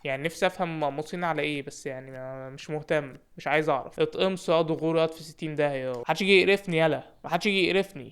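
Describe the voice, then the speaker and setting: A young man with an Egyptian Arabic accent giving joking, excited commentary on a football game and shouting at his players. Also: a little high, clear, resonant tone. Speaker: gaming YouTuber.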